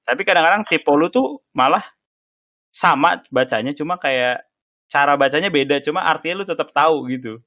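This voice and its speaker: Young guy, brisk casual host. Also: a little high, expressive, bright, forceful tone, no room sound. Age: young adult. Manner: joking, mock-formal asides. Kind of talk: casual chat.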